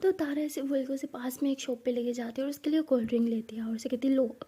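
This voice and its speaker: Woman storyteller, high voice, mellow tone, conversational, clears throat often. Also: steady tone, fast talker. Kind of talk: casual story narration.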